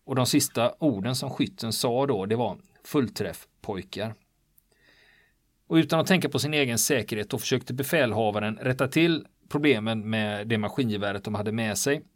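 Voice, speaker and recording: A man's voice: mid-range voice, hardly any pauses, no room sound, clean studio sound. Man animatedly retelling a wartime story. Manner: animated, vivid retelling with quoted dialogue. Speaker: storyteller recounting wartime history. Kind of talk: casual spoken history telling. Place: on the island where the events happened.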